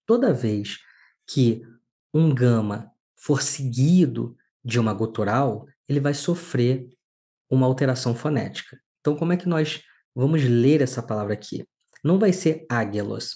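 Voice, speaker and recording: A man teaching a recorded lesson, explaining slowly and clearly and stressing syllables. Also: mid-range voice, warm tone.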